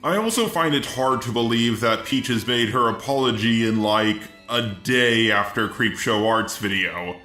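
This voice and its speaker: Medium-pitched and sharp, this synthetic male host voice reads scripted video narration at a measured pace with few pauses. The robotic text-to-speech delivery stays mechanical and even, the sound is roomy, and background music runs throughout.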